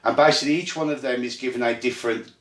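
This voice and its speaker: Recorded on a phone in a room with plenty of echo, a man with a mid-range voice walks players through a tabletop game's setup. Irish by birth yet speaking with a Birmingham accent, he runs and hosts the game, explaining rules casually in a chatty, self-mocking way full of pauses and fillers.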